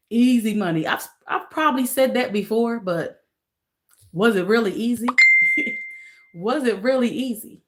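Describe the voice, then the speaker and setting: A woman's voice: on the high side, takes it slowly, long pauses, very noisy. A middle-aged woman hosting a casual live stream. She greets viewers by name, repeats her phrases and talks earnestly and emotionally about grief. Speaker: livestream host.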